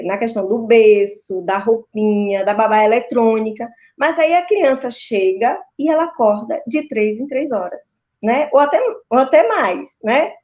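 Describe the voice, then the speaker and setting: A woman's voice: fairly high pitch, darkish tone. Brazilian woman explaining, lo-fi audio. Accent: Brazilian Portuguese. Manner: didactic, frequent tag questions. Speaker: maternal and child sleep consultant. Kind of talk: explanatory interview answers. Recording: dull, lo-fi video call audio.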